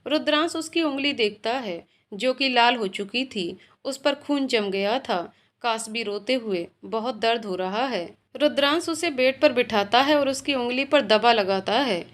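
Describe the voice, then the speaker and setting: Woman telling an emotional story, higher voice. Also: animated, measured pace. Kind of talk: scripted narration.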